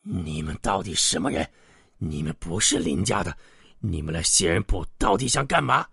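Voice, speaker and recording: A man voicing a haughty, scornful old village elder who speaks slowly and drags his words. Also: sits low, lively intonation, vocal fry, fairly bright tone, husky, no echo, clean studio sound, heavily acted. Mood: indignant. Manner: slow, drawn-out sneering speech.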